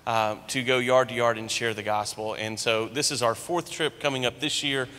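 A man's voice: medium pitch, fairly even intonation, moderate pace, bright, forceful tone. A man, a student minister, speaking eagerly to the congregation from a church stage. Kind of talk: church announcement. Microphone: handheld mic. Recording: long reverb of a large church.

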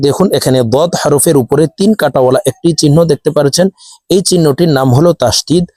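Male recitation teacher, slightly high voice, dry close mic, spells letters aloud for viewers. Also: darkish tone, no echo. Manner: addresses viewers as dear viewers, spells letters and vowel marks aloud. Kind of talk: spelling-out tajweed lesson with slow chanted recitation.

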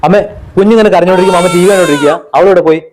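Very fast-talking young-sounding man. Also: high-pitched, heavy background noise. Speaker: son character. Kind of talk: comedy family sketch acting.

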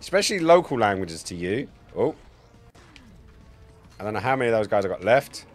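This forties-aged man has a fairly low voice with big pitch swings and a fairly quick pace, giving sweary, jokey, rambling commentary and chat while live-streaming a game. Soft music plays behind him at his home streaming setup, where he's close to a boom-arm mic.

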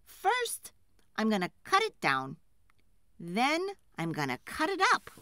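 A poor, weary woodcutter from a children's storybook, as a woman reading aloud puts him on, talking louder and more bluntly than the narration around him. His voice stays bright, and it swings widely in pitch. The sound is close and dry. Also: wildly swooping pitch, slow, no echo, heavily acted. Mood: pleased. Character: poor tired grown male woodcutter.

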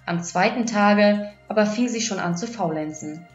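An audiobook storyteller narrates a scripted children's fairy tale in a medium-pitched voice at normal speed. The lo-fi recording is echoey and dull, with music playing behind her.

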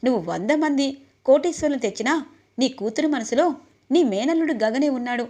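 A woman's voice: high-pitched, lively intonation, fairly quick, warm tone. A woman voicing a group of wedding guests who lecture the bride's father reproachfully. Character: scolding crowd of wedding guests.

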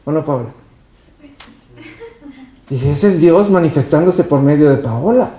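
A pastor with a Mexican accent preaches emphatically at a church service held in a hotel hall, repeating words and addressing the congregation directly. His voice is a little high, expressive, unhurried, and mellow. The highs are cut off, and the hall is echoey.

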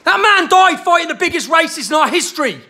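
A man delivering an angry, shouted political rant to camera, swearing heavily. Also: extremely high pitch, very animated, fairly quick. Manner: furious, shouting, heavy swearing. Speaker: vlogger.

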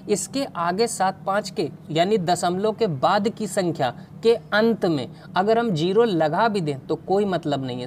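A woman's voice: mid-range voice, darkish tone, a little hiss or hum. A woman teaching an online math class, explaining step by step and asking questions to the students.

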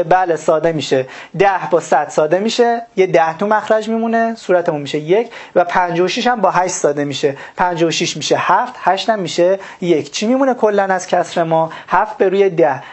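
A woman teaching a recorded math lesson. She explains step by step, puts questions to her students and answers them herself, and often fills pauses with "uh". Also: lowish voice, a little mellow. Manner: frequent "uh" fillers while thinking; addresses students directly, urges them to work along.

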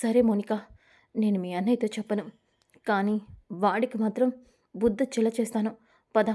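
A woman's voice: mid-range voice, fairly even intonation, moderate pace, warm tone, natural voice. A woman voicing a caring young sister-in-law who questions and protects in a spoken story. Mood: resolute. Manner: worried, urgent.

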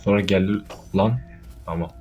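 A young man giving casual let's play commentary on a horror game, jumpy and swearing, yelling out when startled. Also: low-pitched, fairly even intonation, normal speed, dull audio, music in the background. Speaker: gaming YouTuber.

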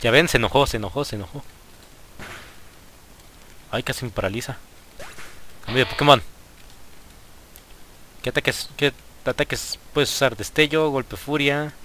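Young man, Mexican accent, bright voice, excitable gaming commentary, faint background noise. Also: mid-range voice, moderate pace, long pauses. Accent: Mexican Spanish. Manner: excitable, frequent exclamations at the game. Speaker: gaming youtuber. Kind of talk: casual let's play commentary.

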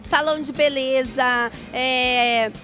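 A woman's voice: sits high, fairly even intonation, takes it slowly, a bit bright. A young woman, a digital influencer, casually explaining the event into a handheld mic, with music behind. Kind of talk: event interview.

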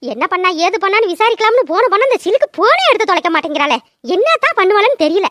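A woman's voice: very high-pitched, sing-song, fast talker, fairly bright tone, no room sound, clean studio sound, full character voice. A woman voicing a worried grown mother in a cartoon, who mutters anxiously to herself. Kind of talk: cartoon dubbing.

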